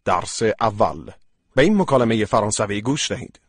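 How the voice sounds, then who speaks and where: A man narrating a language course as its instructor, speaking in a slow, deliberate and instructive way. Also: fairly low pitch, expressive, slightly rough, no echo.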